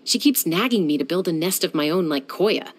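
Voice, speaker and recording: Husky and on the low side, a young woman's voice moves a little fast with lively intonation as she voices a cool, self-assured gunslinger in video game lines. The character flies, settles disputes and teases dryly.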